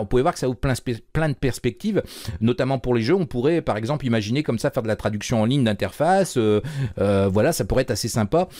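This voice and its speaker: A man's voice: mid-range voice, a little mellow, no echo, clean studio sound. A man teaching a coding tutorial in a casual, chatty way, with many fillers and restarts. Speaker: programming course instructor. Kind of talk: screen-recorded coding tutorial.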